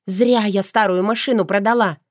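A woman's voice: mid-range voice, steady tone, normal speed, no echo, studio quality, natural voice. A woman voicing a pleading, clingy woman in an audiobook, speaking in a plaintive, wheedling way. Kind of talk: audiobook character voice.

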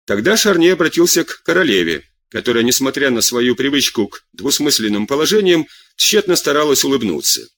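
Expressive male audiobook narrator. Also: mid-range voice, fairly quick, few pauses, a little hiss or hum. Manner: expressive, voicing each character. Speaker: audiobook reader. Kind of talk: scripted narration.

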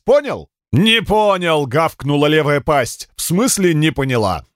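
A man narrating an audiobook in a scripted, expressive and ironic storytelling manner. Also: mid-range voice, no echo. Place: recording studio. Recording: dry studio audiobook recording.

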